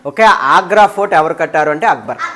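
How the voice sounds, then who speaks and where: A woman's voice: deep voice, lively intonation, quick pace, fairly bright tone, slight background noise. A woman teacher taking a live class of students through an exam paper. She mixes in English terms and keeps checking with them.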